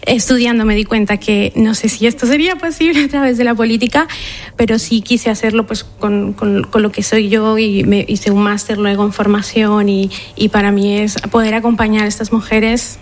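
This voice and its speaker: A woman's voice: medium pitch, fairly even intonation, moderate pace. Heartfelt woman director. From Colombia. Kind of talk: interview answers.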